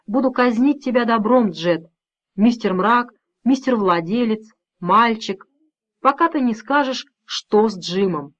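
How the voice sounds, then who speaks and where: A woman voicing a middle-aged father who stays calm and firm, speaking steadily with quiet menace. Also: on the high side, unhurried, muffled recording.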